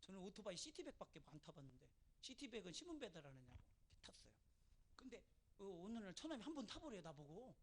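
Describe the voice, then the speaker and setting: A man, a pastor, preaching a sermon. He moves from soft storytelling to loud preaching and keeps asking the congregation for an amen. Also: sits high, sing-song, fast talker, slight background noise. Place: church.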